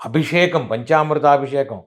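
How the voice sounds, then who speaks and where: A man giving a devotional talk as a spiritual teacher in an interview. He speaks at a middling pitch, emphatic and preachy, driving his points home with rhetorical questions. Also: moderate pace.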